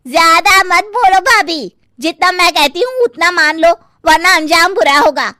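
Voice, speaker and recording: A woman voicing a scheming young sister-in-law who talks in a loud, taunting, shrill way in an animated story. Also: a little slow, no room sound, studio quality, full character voice. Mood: scornful. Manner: loud, sneering, threatening.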